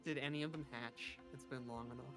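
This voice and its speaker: Player in a tabletop game, mid pitch, steady third-person narration, loud music in the background. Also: fairly quick. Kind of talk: narrating own character's actions in a tabletop game.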